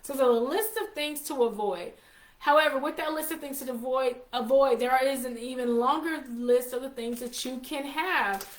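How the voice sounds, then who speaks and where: Speaking at a normal speed with a voice that sits high, a woman in her forties hosts a casual live show. She's congested, coughs slightly, and tends to repeat and restart her phrases, with the room's echo audible throughout.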